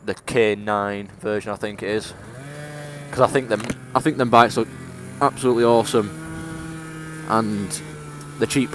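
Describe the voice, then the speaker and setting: Casually vlogging from his scooter outdoors, an English teenager in his late teens talks in a broad Yorkshire accent, relaxed and chatty with the odd laugh. His lowish voice keeps a fairly even intonation at normal speed over faint engine and traffic noise.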